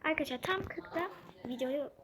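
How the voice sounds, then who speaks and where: A woman's voice: high voice, normal speed. A woman chatting casually to viewers while playing a game and commenting on it. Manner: chatty, addresses viewers constantly. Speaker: gaming channel host. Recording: noisy background with siblings chattering. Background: siblings talking in the background.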